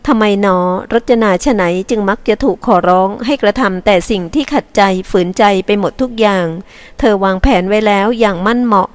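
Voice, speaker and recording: A woman narrating an audiobook novel in a measured, expressive reading. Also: mid-range voice, no room sound. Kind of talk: scripted narration.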